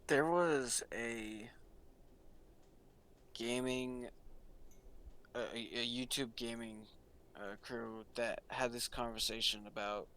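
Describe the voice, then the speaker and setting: A man's voice: medium pitch, fairly even intonation, slow pace, long pauses, sharp tone, slight background noise. A man co-hosting a casual podcast chat, explaining things in a rambling way with restarts. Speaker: podcast co-host.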